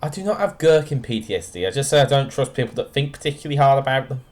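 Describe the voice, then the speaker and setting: A man's voice: mid-range voice, racing, darkish tone. A young man casually chatting to viewers by name while he streams a game, dry and wry in manner. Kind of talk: casual live-stream chat while playing.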